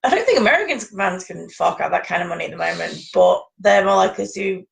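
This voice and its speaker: A woman chatting casually as a podcast co-host. Her voice is strongly creaky and gravelly, and she rambles from one point to the next, laughing often. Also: medium pitch, animated, fast. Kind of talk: casual chat about fan conventions.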